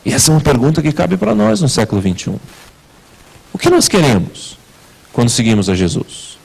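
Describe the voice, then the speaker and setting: A man preaching a sermon as pastor in a church, asking rhetorical questions with wide swings in pitch and loudness. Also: sing-song, brisk, gravelly, breathy edge, poor audio.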